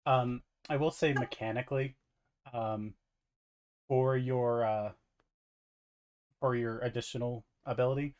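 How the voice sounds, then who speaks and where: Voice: medium pitch, steady tone, a little slow, long pauses, a little mellow. A game master running a tabletop game in a laid-back, brief way.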